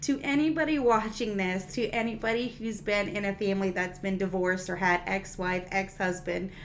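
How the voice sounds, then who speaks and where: A woman's voice: mid-range voice, steady tone, normal speed, a little hiss or hum. A woman giving a casual spoken review of a TV episode, chatty, with many fillers and restarts, acting out characters' lines as she goes.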